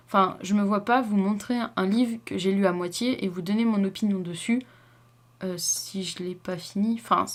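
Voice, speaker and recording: A young woman chatting casually to camera about her reading, rambling with lots of fillers and self-corrections. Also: mid-range voice. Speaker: book vlogger.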